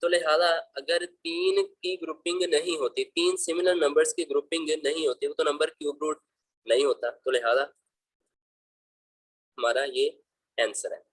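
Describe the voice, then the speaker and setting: A man's voice: a little high, fairly even intonation, normal speed, dry recording, rough recording. A man teaching school math in a patient, fatherly way, walking students through each problem step by step. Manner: patient, addresses students fondly as beta. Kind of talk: explaining math problems over slides.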